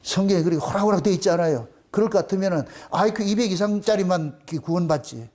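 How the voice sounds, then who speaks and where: A middle-aged man preaches from the pulpit in a fairly high voice. He drives each point home with insistent repetition, shifting between raised emphasis and quiet asides. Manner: emphatic, repeating phrases with rising insistence; briefly sings a slow hymn line. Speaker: pastor. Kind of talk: sermon.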